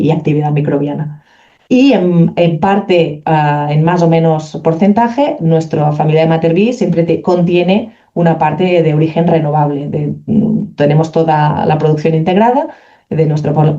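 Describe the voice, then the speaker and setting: A speaker giving a technical presentation for a company, explaining carefully while often pausing to search for words. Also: medium pitch, warm tone. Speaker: company representative presenting a product. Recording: dull lo-fi recording.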